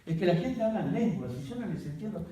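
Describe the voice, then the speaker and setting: A male pastor teaching a church workshop in a preaching manner, with a fairly high voice. He tells his story dramatically and breaks into loud, high bursts. The sound comes from far off the mic in a very echoey hall. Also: animated, fast.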